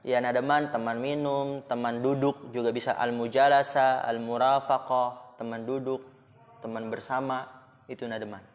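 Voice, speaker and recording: The recording, heavy with long hall reverb, captures an Islamic boarding school classroom where a male teacher explains Arabic grammar. His mid-range voice is flat and moderately paced, and his casual style mixes in jokes and rhetorical questions.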